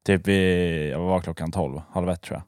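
A man co-hosting a casual podcast chat, easygoing and quick to agree, swearing casually as he talks. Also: deep voice, steady tone, a little mellow, dry recording, clean studio sound. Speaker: podcast co-host, amateur hockey coach.

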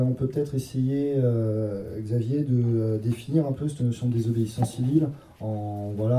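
A man's voice: medium pitch, dark tone. A man moderating a panel discussion, informal and joking, with many hesitations. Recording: echoey room from a distance.

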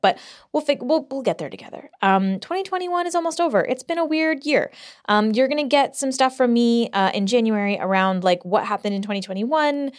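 A woman hosting a podcast in an informal, conversational way, talking straight to listeners from under a blanket fort in a closet. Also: high voice. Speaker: podcast host. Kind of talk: casual solo podcast narration to listeners.

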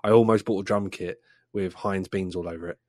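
A man's voice: deep voice, steady tone, a little fast, a crowd in the background. A young English man co-hosting a podcast, talking enthusiastically and swearing casually. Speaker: podcast co-host. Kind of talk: casual chat.

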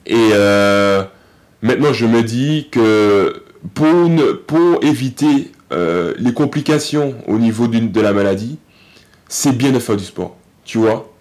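On a relaxed podcast, a man who is an athlete talks haltingly, often restarting sentences and leaning on fillers. He has a mid-range voice with a darkish tone.

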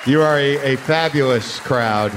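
A man's voice: mid-range voice, measured pace, crowd noise. An American man hosts a live comedy show in a mid-range voice. He talks informally, with plenty of swearing. There is faint room noise behind him. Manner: profane, informal. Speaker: podcast host, comedian. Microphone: stage microphone.

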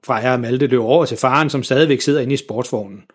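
A man reads a children's story aloud with lively, expressive storytelling. His voice is husky and a little breathy, at a middle pitch.

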